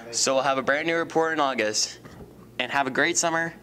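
Teenage male student anchor, brisk, forceful bright tone, scripted delivery. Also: medium pitch, a little hiss or hum. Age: teens. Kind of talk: scripted news hosting. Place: indoors by a brick wall. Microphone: handheld microphone.

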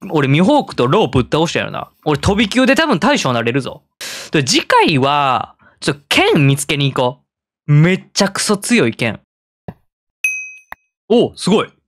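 Excitable Kansai man, lively pitch. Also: moderate pace. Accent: Kansai Japanese. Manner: excitable, talks to himself, lots of sudden exclamations. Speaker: gaming channel host. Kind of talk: let's-play commentary.

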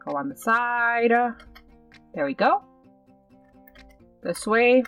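A woman's voice: fairly high pitch, lively intonation, slow, clear, resonant tone, far from the mic, muffled recording, faint music behind. A woman hosting her gaming channel, giving live gameplay commentary with nervous, self-coaching chatter.

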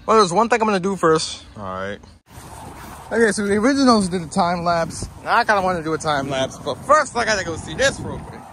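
Bright, lively man with morning voice. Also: high-pitched, brisk, a little hiss or hum. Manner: bantering, grumbling, joking. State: rough morning voice. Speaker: vlogger. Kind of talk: casual outdoor vlog chat. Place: outdoors near woods.

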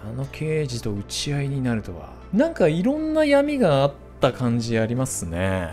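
A young man streams a horror game and reacts loudly and roughly to it. His pitch swings widely as he shouts. Faint music plays behind him. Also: normal speed. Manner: loud, rough, excitable reactions. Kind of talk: live gameplay commentary.

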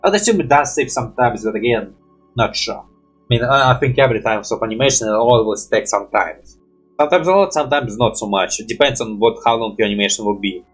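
A young man hosts a reaction video from a small room at home, responding casually to animations in rambling, hesitant non-native English with habitual mild swearing. His mid-range voice is expressive, fairly quick, and husky. Faint music plays behind, and the audio quality is poor.

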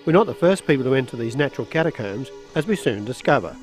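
A man's voice: medium pitch, expressive, quick pace. An Australian man narrating a travelogue as presenter, reading scripted voice-over. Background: music under voice-over.

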